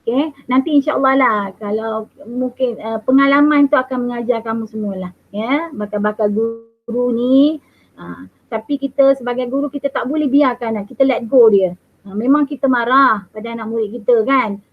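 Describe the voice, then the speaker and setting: A woman's voice: a little high, moderate pace. Firm Malaysian woman teacher on a call. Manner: firm, emphatic teacher, checks in with "boleh?". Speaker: mathematics teacher. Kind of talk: recorded interview answers. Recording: tinny phone-like call audio.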